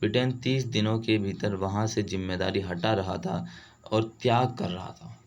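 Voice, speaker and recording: A man giving an online vocabulary lesson for exam prep. He switches between Hindi and English, reads the English words slowly, and keeps saying "theek hai" and "doston". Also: on the low side, steady tone, slight background noise. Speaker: vocabulary teacher.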